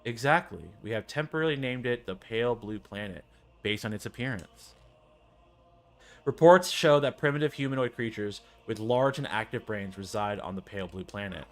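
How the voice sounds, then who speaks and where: A man voicing a confident young male scientist from a video game, speaking in a measured, formal, persuasive way. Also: on the low side, lightly acted. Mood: assured, explanatory. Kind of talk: video game character dialogue read aloud.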